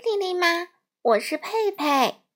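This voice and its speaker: A woman voicing a small, confused three-year-old girl koala, speaking in a bright, eager, childlike way. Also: high voice, normal speed.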